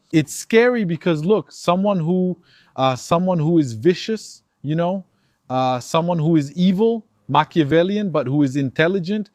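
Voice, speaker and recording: Speaking a little high with no echo, a man from Algeria gives his viewers an emphatic opinion piece. As a commentator he stays animated and acts out dialogues.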